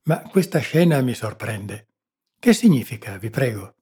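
Kindly, impulsive sea captain, husky voice, read by a man as audiobook figure. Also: mid-range voice, very animated, a little slow, warm tone, exaggerated voice. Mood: puzzled. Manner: earnest and impulsive. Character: simple, good-natured visiting sea captain.

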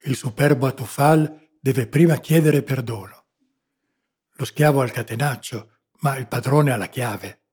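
A man's voice: medium pitch, unhurried, a little mellow, slightly rough. A man reading the part of a devoted male servant who murmurs deferentially. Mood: murmuring. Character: devoted male servant, soft-spoken and watchful.

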